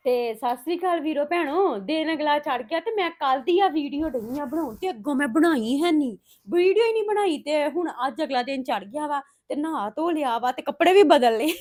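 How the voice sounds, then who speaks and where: High-voiced Punjabi woman vlogging. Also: darkish tone. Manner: plaintive, rambling, homely, addressing viewers as brothers and sisters. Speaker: family vlogger and mother. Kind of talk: casual chatty home vlog.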